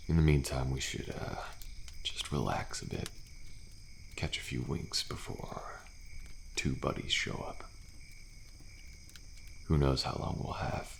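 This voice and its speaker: A man plays a weary, jaded, thrill-seeking survivor of endless killer trials in an intimate audio roleplay, using a very deep, heavily gravelled, expressive and exaggerated voice. He drawls slowly and lazily, laid-back, pausing and sighing in a relaxed, reassuring mood. Campfire ambience and crickets sound faintly behind him.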